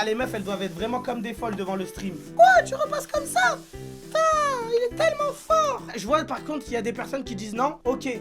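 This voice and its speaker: Brash young male streamer over music. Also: very high-pitched. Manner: brash, joking, crude banter with chat. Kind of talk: casual live-stream chat. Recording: music playing behind.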